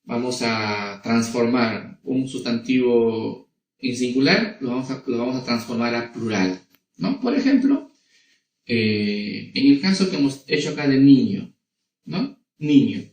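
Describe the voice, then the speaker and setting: A male primary school teacher with a Peruvian Spanish accent, explaining grammar to children slowly and repetitively, often checking in with them. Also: mid-range voice, lively intonation, a little mellow. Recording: echoey room, voice from a distance.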